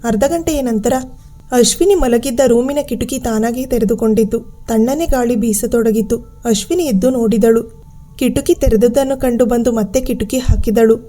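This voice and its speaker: A woman storyteller giving a steady, measured scripted narration of a ghost story. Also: a little high.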